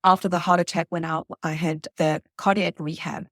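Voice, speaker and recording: A middle-aged woman from South Africa, a guest telling her story in an earnest, reflective way, halting at times. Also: on the low side, steady tone, a bit bright, no room sound, studio quality. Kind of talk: emotional personal interview.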